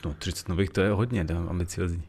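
A man co-hosting a casual podcast, pressing his partner with quick, animated questions. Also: sits low, slightly rough. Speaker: podcast co-host. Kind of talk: casual chat.

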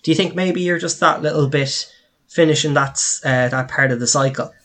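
A man's voice: on the high side, moderate pace, a bit bright. An Irish man co-hosting, putting his thoughts to friends in a casual chat.

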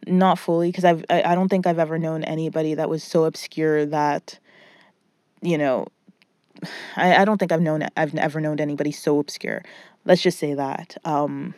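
A woman's voice: low-pitched, fairly even intonation, a little mellow. Muffled, dry-sounding woman podcasting from a closet. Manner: informal, rambling, halting with repeated words. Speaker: podcast host and music producer. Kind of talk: casual solo podcast talk. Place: recorded in a small clothes closet indoors. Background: nothing, little reverb.

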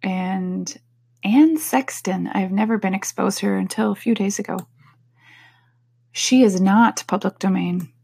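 Husky, creaky, sleepy morning-voiced woman. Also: dark tone. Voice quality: husky, slightly deeper morning voice. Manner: sleepy, rambling, unhurried morning talk. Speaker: podcast host. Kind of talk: casual solo talk to listeners.

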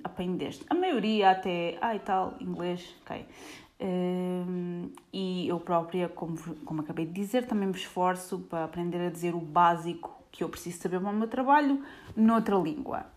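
A woman from Portugal with a European Portuguese accent, an airport security screener chatting casually to her viewers in an animated way. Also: fairly low pitch, measured pace. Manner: chatty, animated, frequent fillers, addresses viewers directly.

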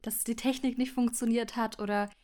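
Curious female interviewer, fairly high voice, friendly questions. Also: fairly even intonation, brisk, a little mellow.

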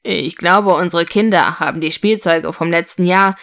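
A woman voicing a good-natured older father in a storybook who speaks in a low murmur. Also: moderate pace, fairly bright tone.

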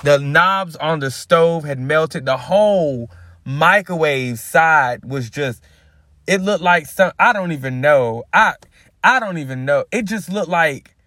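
Guy chatting to his viewers, slangy and animated, voice a bit high, dry sound. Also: slow pace, no room sound. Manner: lively, slangy storytelling. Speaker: vlogger. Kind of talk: casual storytelling to viewers.

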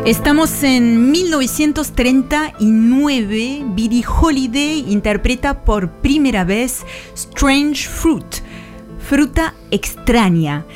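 A woman columnist narrating a radio segment on history in a slow, dramatic storytelling manner. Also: high-pitched, darkish tone. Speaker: international affairs columnist.

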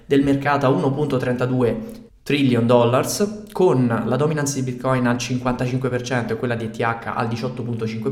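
A man hosting a weekly market update, reading figures out methodically, with low-quality audio recorded while traveling. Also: a little mellow, echoey room. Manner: methodical, reads out figures steadily. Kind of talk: scripted market commentary. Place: temporary room while away from home.

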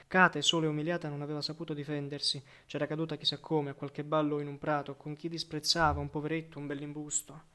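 A man reading a literary novel aloud as audiobook narrator, measured and reflective, letting phrase endings fall softly. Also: a little high, clear, resonant tone.

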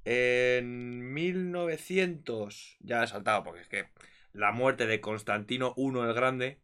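Spanish man reading out dates, bright tone. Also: medium pitch, slow, clean tone. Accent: Spain Spanish. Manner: reads historical dates out loud, laughing. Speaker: podcast co-host. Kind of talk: casual podcast chat, reading out dates.

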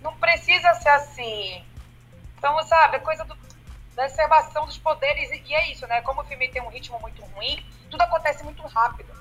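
A woman with a bright, forceful voice sitting a little high in pitch. She talks in a loose podcast chat, animated and critical, dropping casual fillers as she builds her point. Faint music sits underneath. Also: fast, low-quality recording. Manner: animated and critical, with frequent fillers like 'né' and 'cara'. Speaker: podcast co-host.

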